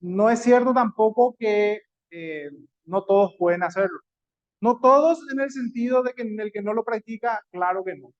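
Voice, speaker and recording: A man's voice: sits high, moderate pace. A man teaching an online class in a conversational way, with many fillers and restarts. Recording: dull lo-fi audio.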